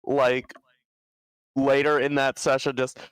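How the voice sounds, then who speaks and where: A man's voice: mid-range voice, little pitch movement, takes it slowly, clean tone, no room sound, rough recording. A young man co-hosting a podcast, telling a story casually, laughing often and swearing freely. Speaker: podcast co-host. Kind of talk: casual chat.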